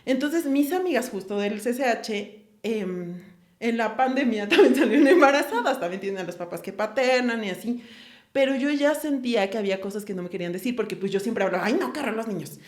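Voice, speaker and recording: A woman's voice: a little high, expressive, brisk, a little mellow. Candid Mexican woman in an echoey room. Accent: Mexican Spanish. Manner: candid, confessional, lots of fillers and quoted inner speech. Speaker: podcast host. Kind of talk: casual conversation.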